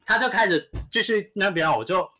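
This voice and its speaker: A man's voice: sits high, normal speed, sharp tone. A man, a podcast co-host and store floor manager, telling a story in a profane, ranting way. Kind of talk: casual storytelling chat.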